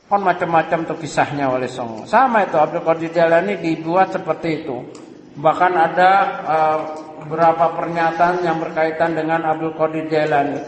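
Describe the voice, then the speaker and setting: Indonesian guy preaching a lecture, slightly high voice, lots of pauses and ums, big echoey room. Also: a little hiss or hum. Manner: explanatory, unhurried, with many pauses and fillers. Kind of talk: religious lecture. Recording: roomy hall reverb.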